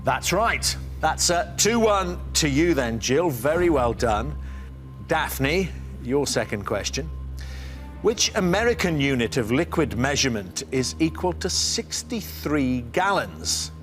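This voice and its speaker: A man's voice: fairly high pitch, big pitch swings, slow pace, fairly bright tone, soft background music. Upbeat male quiz show host. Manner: upbeat, theatrical announcing. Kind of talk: studio game-show presenting.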